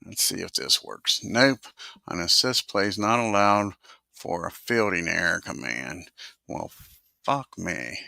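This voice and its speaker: Slow, gravelly man calling a sim game. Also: deep voice, lively intonation, no room sound, clean studio sound. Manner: talks to himself while working the game software; swears under his breath when the software fights him. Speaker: host of a baseball simulation channel. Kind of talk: play-by-play of a simulated baseball game.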